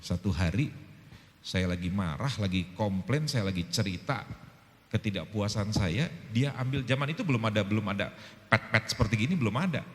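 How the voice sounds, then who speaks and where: A man's voice: fairly low pitch, lively intonation, fairly quick, long reverb tail. A male pastor in his fifties preaching a sermon, telling stories animatedly and acting out quoted dialogue.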